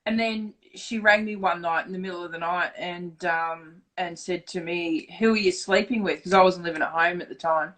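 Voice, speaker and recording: A middle-aged Australian woman telling her story in a casual interview, frank and swearing freely, lively when she acts out dialogue. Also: lowish voice, low-quality recording. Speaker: interview guest.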